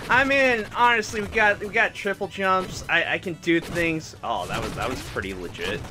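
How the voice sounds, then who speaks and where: A man's voice: sits high, animated, normal speed, music in the background. A man hosting a let's play, chatting casually over gameplay, rambling and stammering and poking fun at himself. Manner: rambling, stammering, self-deprecating.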